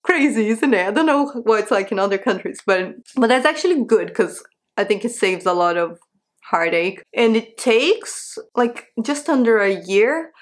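A woman's voice: mid-range voice, expressive, moderate pace. A young woman from Brazil, talking candidly to camera in a small bedroom, with frequent rhetorical questions. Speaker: vlogger. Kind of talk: casual talk to camera. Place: small bedroom with a sofa, indoors.

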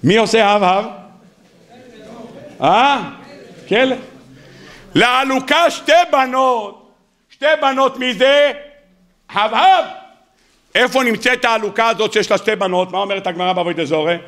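A man giving a lively, joking weekly sermon as a rabbi, often asking his audience questions and answering them himself. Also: high-pitched. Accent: Israeli Hebrew. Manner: acts out quoted speakers in a raised, mocking voice. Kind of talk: lively Torah sermon to a congregation. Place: synagogue or study hall before an audience.

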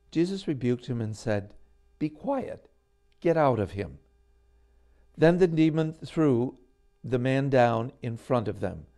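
A man in his sixties, a bishop reading the gospel and preaching deliberately in short phrases with pauses. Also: mid-range voice, darkish tone. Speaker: bishop, celebrant. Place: small chapel indoors.

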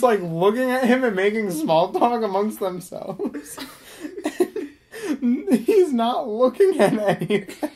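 A man casually telling a funny personal anecdote, animated and giggly, swearing freely and acting out his friends. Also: high voice. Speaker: storyteller.

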